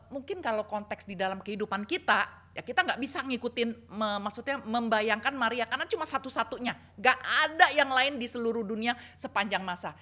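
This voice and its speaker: A woman preaching a sermon, telling stories and acting out the people she quotes. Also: a little high. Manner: lively storytelling, acts out quoted voices.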